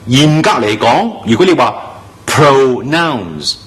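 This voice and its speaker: A man gives an English pronunciation lesson in the style of a classroom. Expect lively intonation, plenty of emphasis, and sample words stretched out slowly.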